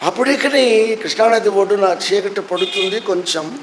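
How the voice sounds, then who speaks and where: A man's voice: sits high, moderate pace, noisy background. A man in his sixties, a pastor, preaching a sermon that he tells as a story and acts out with voiced quotes. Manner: animated storytelling with acted quotes. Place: church hall.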